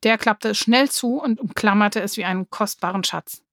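Brief: woman storybook reader, calm and even, dry close sound. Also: mid-range voice, normal speed, no room sound. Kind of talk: scripted storybook narration.

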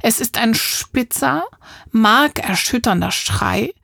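A woman narrating a children's audiobook in a lively way, voicing the characters. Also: fairly high pitch, takes it slowly, creaky, no room sound, studio quality.

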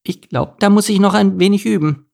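Male reader playing a bouncy young female spider for a storybook; high, eager, a little gravelly. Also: a little fast, a little mellow. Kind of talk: children's audiobook acting.

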